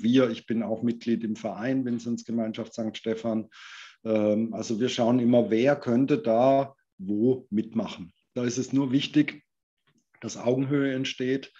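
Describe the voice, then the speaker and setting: A man's voice: mid-range voice, mellow, breathy edge. A middle-aged man on a video call, explaining his work in a thoughtful conversational way and often rephrasing as he goes. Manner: thoughtful, restarts phrases, hedges with "wenn man so will". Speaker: architect answering questions in an online lecture. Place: indoors by a large window. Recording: muffled video call audio.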